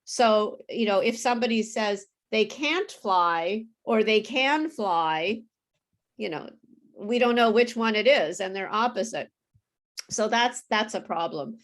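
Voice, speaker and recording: A woman teaching English pronunciation in a live online class, explaining slowly and often checking in with "okay". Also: medium pitch, animated.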